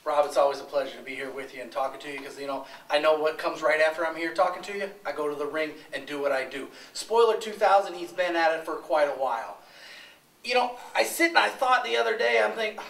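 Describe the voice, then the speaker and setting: A man's voice: fairly high pitch, fast talker, gravelly, a bit bright. A man speaking as a veteran wrestler in an echoey pre-match interview. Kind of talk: interview promo. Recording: echoey, distant mic, faint noise.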